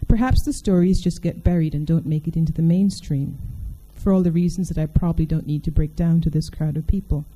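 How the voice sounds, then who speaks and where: A woman's voice: low-pitched, fairly quick, hardly any pauses, dark tone, poor audio. A woman giving a public talk to an audience, wry and conversational, often asking the crowd questions. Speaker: speaker addressing an audience. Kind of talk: public talk with a reading from a novel.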